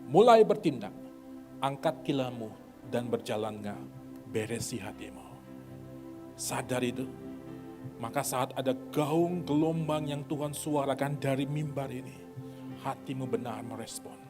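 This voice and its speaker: A middle-aged man from Indonesia preaching a sermon, swinging between loud urging and soft asides. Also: medium pitch, a little slow, long pauses, music in the background. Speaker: pastor.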